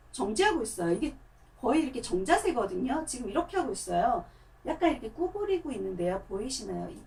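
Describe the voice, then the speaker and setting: A woman's voice: sits high, far from the mic, rough recording. A woman who performs in a hand-puppet theatre, chattily explaining and demonstrating puppet technique. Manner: chatty, lively, lots of demonstrative words.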